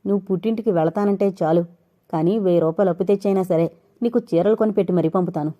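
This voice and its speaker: A woman narrator voicing an angry young husband who drinks, shouting curt replies at his wife in an audio novel. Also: fairly low pitch, fast talker, highs cut off, lightly acted.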